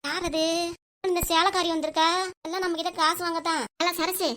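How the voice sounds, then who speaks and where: A woman's voice: extremely high pitch, flat delivery, fairly quick, pushed and bright, no room sound, clean studio sound. A woman performing a chatty, teasing village gossip comedy, voicing several women.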